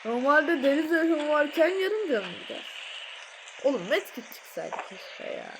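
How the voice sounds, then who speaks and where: A woman giving let's-play commentary, jumpy, swinging from muttering to panicked yelling, with playful sing-song chanting. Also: high voice, big pitch swings, a little slow, noisy background. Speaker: gamer.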